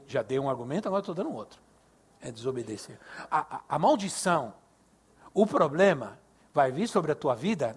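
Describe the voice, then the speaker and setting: At a youth service, an older preacher with a Brazilian Portuguese accent delivers a story-filled sermon, animatedly playing out dialogue and questioning the congregation. His voice is fairly high with a breathy edge.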